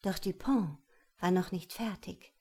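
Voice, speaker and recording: A woman reading an audiobook aloud in a measured, intimate narration. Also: fairly low pitch, mellow, husky. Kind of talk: scripted narration.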